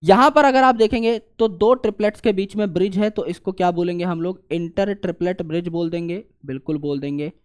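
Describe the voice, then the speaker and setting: A male biology teacher, lecturing online while he draws a diagram. He keeps asking questions and answering them himself, going loud on the questions and muttering as he draws. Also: high-pitched, fairly quick, few pauses, smooth. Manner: repetitive, asks and answers own questions; swings between loud questions and quiet drawing mutters.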